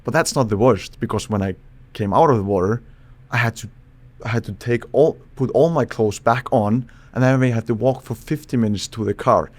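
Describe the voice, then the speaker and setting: A man from Iceland, a psychologist guest on a podcast, explaining in a thoughtful, halting way with frequent restarts. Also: mid-range voice. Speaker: psychologist and charisma expert guest. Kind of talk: casual podcast interview.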